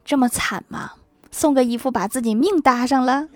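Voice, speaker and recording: A woman narrating short comic anecdotes with lively delivery and wry asides. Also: high voice, normal speed, slight background noise. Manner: lively, switches voices for quoted characters, laughing asides. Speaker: joke narrator. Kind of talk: storytelling funny anecdotes with quick asides.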